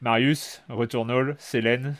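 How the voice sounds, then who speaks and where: A man's voice: medium pitch, fairly even intonation, takes it slowly. A man hosting a casual chat about video games, speaking hesitantly with many fillers. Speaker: podcast host.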